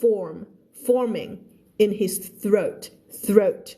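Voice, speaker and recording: A woman from Thailand teaching English in a live reading lesson. She reads slowly and deliberately, repeats words as drills, and then switches to quick, chatty explanations with frequent laughs. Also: medium pitch, dark tone.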